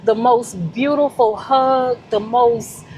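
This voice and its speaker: A woman's voice: on the high side, takes it slowly, slight background noise, low-quality recording. A woman with a Southern American accent talking casually to her viewers in a vlog, effusive and heartfelt. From Southern United States. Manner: effusive, animated, heartfelt, addresses viewers as y'all. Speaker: vlogger.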